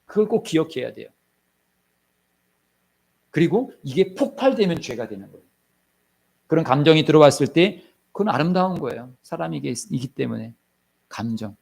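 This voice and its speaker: A pastor delivers a sermon in a church, his voice slightly high for a man and edged with gravel. He swings between loud calls and hushed, near-whispered lines. Now and then he slips into short acted prayers and little scenes. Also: very animated, normal speed, long pauses.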